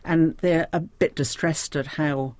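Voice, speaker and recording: An older woman with a New Zealand accent speaks reflectively as an interview guest, a diary editor who is thoughtful and often searches for her words. Her voice is low, steady and a little mellow, her pace measured, and the recording is dry.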